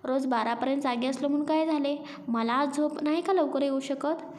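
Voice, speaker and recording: A woman's voice: sits high, measured pace, darkish tone. A woman doing an impatient young groom. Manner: impatient, curt.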